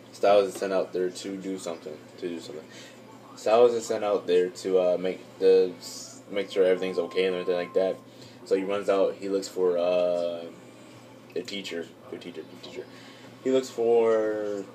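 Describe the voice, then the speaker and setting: Low, flat-voiced young man rambling. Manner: rambling, filler-heavy, loses track. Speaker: YouTube reviewer. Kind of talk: casual episode recap.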